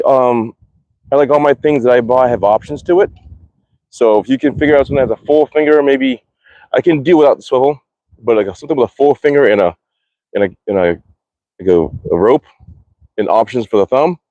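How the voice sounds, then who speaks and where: Broadcasting from his backyard archery range over a phone live-stream, this archery livestreamer talks in a warm, mid-range voice. His chat is loose and rambling, full of restarts, with viewer comments answered out loud and curses muttered whenever a shot goes wrong. The sound is lo-fi, with no room sound.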